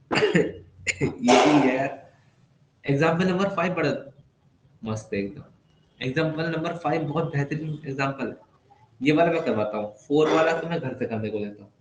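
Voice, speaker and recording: A man's voice: on the high side, normal speed, pauses often. A man teaching maths in an online class, playful and chatty, teasing his students with asides. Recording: echoey room with faint background noise.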